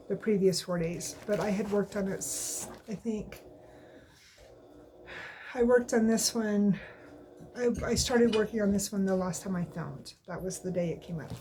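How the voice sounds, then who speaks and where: A cross-stitch vlogger records her weekly crafting update at home, chatting casually with a stuffy nose from allergies, rambling and often correcting herself. Her voice is mid-range with a darkish tone. The recording is rough, with slight background noise.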